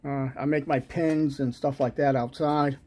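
A man with a New York accent chatting casually as he unboxes a package, halting often with fillers while sucking a lozenge. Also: mid-range voice. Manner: slow, halting, many uh fillers, relaxed. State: unwell, lozenge in mouth. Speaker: lock-picking channel host.

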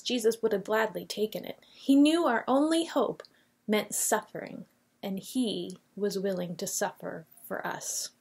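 A woman in her forties with a mid-range, creaky, slightly rough voice teaches children a Bible lesson on video. She tells the story expressively and reads scripture aloud, captured by a webcam at her desk in a small, painted indoor classroom office.

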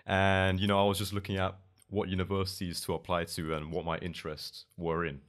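A young man with a London accent and a low voice talks through his story as a podcast guest. He wanders, restarting words and leaning on fillers. He speaks into a boom mic in a small studio. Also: flat delivery, fairly quick. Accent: London English. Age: young adult. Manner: loose, rambling with many restarts and fillers. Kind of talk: casual interview. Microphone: boom mic on arm.

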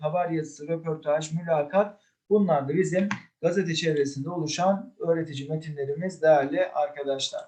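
Turkish literature teacher, rather high voice. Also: male voice, a little mellow. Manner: lists terms one by one, asks and answers his own questions. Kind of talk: exam review lecture.

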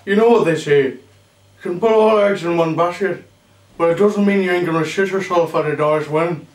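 Parody quiz host , young male actor: cheesy rambler, slightly high voice, echoey distant mic. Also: moderate pace, a little hiss or hum, close to an everyday voice. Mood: showy. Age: young adult. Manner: showy, rambling, catchphrase-heavy. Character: bumbling, cheesy male veteran game show host. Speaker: game show host. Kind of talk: game show parody presenting. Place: small indoor room with makeshift set. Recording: echoey room, distant mic, music behind.

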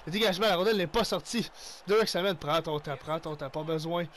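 Young man, Québécois accent, fired-up hockey play-by-play, high voice, faint background noise. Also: quick pace. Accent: Québécois French. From Quebec. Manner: excitable play-by-play, mixes English exclamations and Quebec swearing. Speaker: gaming YouTuber. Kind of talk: live hockey game commentary.

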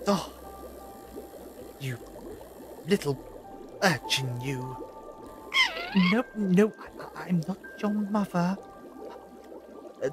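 An excitable, eccentric time-travelling hero played by a man in an audio drama. He mutters theatrically to himself, with pitch leaping about and a slow, stop-start delivery. Music runs clearly behind him. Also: heavily acted. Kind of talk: full-cast audio drama.

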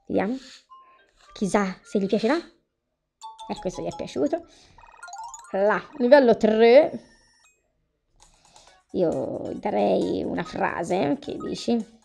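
Woman, gravelly texture, chatty game commentary over faint music. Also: medium pitch, expressive, slow pace, pauses often, dark tone. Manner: chatty, talks to game characters and viewers. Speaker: gameplay commentator. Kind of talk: casual gameplay commentary.

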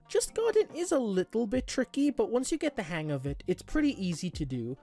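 Lively, informal gaming commentator over music. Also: mid-range voice. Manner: informal, opinionated explaining. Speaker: gaming video narrator. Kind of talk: video game commentary voice-over.

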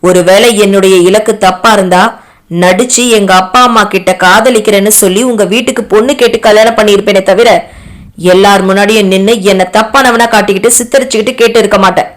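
A woman's voice: mid-range voice, steady tone, quick pace, close to an everyday voice. Woman reading a harsh defiant young man. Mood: firm. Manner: harsh and scornful.

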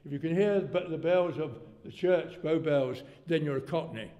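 Elderly preacher in a reverberant church. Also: male voice, fairly high pitch, normal speed, warm tone. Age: 80s. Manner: folksy, rambling preacher with sudden rises in volume. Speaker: pastor. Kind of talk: sermon. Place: church hall.

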